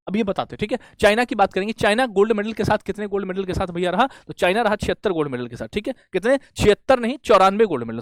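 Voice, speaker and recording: A male exam-prep teacher giving a classroom-style lecture, firing quick questions at students and answering them himself, with frequent friendly fillers. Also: sits high, dry recording. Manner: asks quick questions and answers them himself, says "bhaiya" and "theek hai" often.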